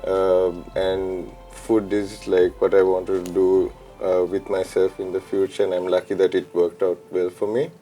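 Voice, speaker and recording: A man in his thirties from Sri Lanka, speaking in a low, mellow voice with no edge to it. He answers questions in a relaxed, thoughtful way, pausing often with ums and uhs. Faint music runs under his lapel-mic audio from a studio set. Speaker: chef and DJ, interview guest. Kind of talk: casual interview answers. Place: studio set with pink backdrop.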